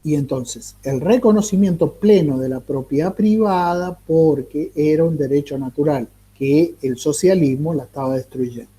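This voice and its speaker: A man gives a recorded class lecture. His voice sits a little high, yet it sounds very warm and mellow. He talks haltingly, repeating words and tossing rhetorical questions at the class. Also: breathy edge. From Argentina. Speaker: teacher.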